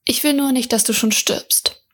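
A woman reading the lines of a prickly young water girl in a storybook, curt and scornful, with a breathy voice. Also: fairly high pitch, moderate pace, fairly bright tone.

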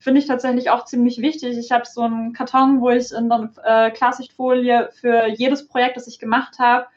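A woman with a rather high voice explains things casually and conversationally as a panelist. The recording is slightly dull and lo-fi. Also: flat delivery, normal speed. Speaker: panelist, costume maker.

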